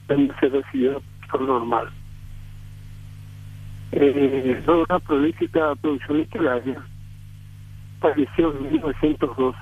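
A man from Paraguay, calling in to a radio show on speakerphone. He speaks in a measured, formal way with some hesitations. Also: a little high. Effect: phone line on speakerphone. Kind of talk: on-air cultural segment and poetry recital. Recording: dry, tinny phone line.

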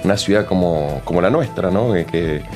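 A man's voice: sits low, moderate pace, darkish tone, faint music behind. A man from Argentina with an Argentine accent, a company manager chatting as a guest in an interview, friendly and full of restarts. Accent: Argentine Spanish. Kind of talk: casual interview answers.

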